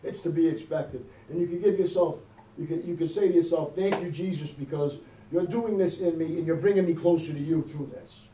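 Speaking a little fast in a voice on the high side with a dark tone, this middle-aged pastor from the United States delivers a conversational sermon, often asking "okay?" and "amen?". There's slight background noise, and the far-off camera in the small wood-paneled church hall makes it echoey.

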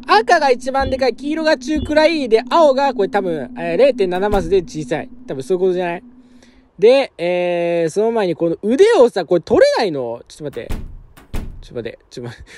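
A young man doing casual let's-play commentary at home, talking roughly to himself and his viewers with quick chuckles. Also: sits high, darkish tone, slight background noise. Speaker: game streamer. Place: apartment room at night, keeping his voice down.

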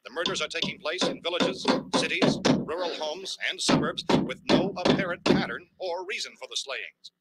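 A formal old-time radio newsman, a bit high, hissy old film sound. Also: huge pitch swings, creaky, heavily acted. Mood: grave. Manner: formal, measured broadcast delivery. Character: formal male radio news announcer.

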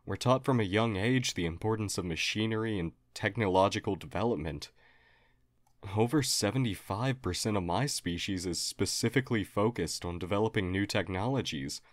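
A fairly low-voiced man lightly acts the part of a friendly alien historian, addressing the listener in an audio roleplay at a moderate pace with lively intonation. He comes across as formal, polite and earnest, apologizing hesitantly. The sound is studio quality, with no room sound.

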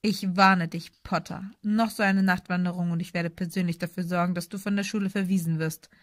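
A woman voicing a sly, menacing male teacher who speaks softly and silkily. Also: on the low side, steady tone, fairly quick, no room sound, natural voice. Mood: silky menace. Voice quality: soft, silky, threatening.

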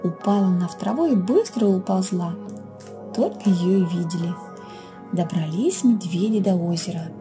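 A woman reading a children's fairy tale aloud in a gentle, expressive storytelling way. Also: lowish voice, moderate pace, music in the background. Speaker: children's librarian reader.

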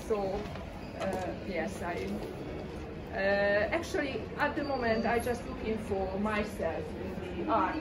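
A woman in her forties from Hungary with a Hungarian accent, talking about her paintings in a halting way with many fillers. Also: mid-range voice. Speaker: exhibiting artist. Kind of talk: informal gallery talk. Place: small gallery room with pictures on the walls. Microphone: far camera. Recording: distant mic with room noise.

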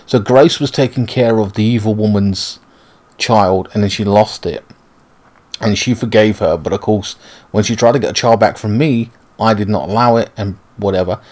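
Grumbling man, slightly low voice. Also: normal speed, a little mellow. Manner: grumbling, sweary, rambling. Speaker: gaming video host. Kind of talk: casual playthrough commentary.

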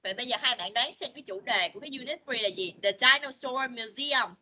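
A woman, an English teacher on a video call, patiently coaxing children and modeling words slowly for them to repeat. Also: fairly high pitch, bright, forceful tone. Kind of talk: online English lesson for children.

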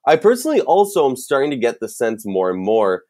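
A man's voice: medium pitch, wildly swooping pitch, a little fast, darkish tone. A man with a Minnesotan accent co-hosting a casual sports podcast, thinking aloud with lots of restarts and fillers. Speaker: podcast co-host.

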